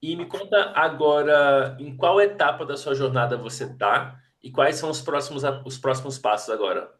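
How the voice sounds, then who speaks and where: A man's voice: on the high side, normal speed, fairly bright tone. A man interviewing a former student, encouraging and joking as her teacher. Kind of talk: casual interview chat.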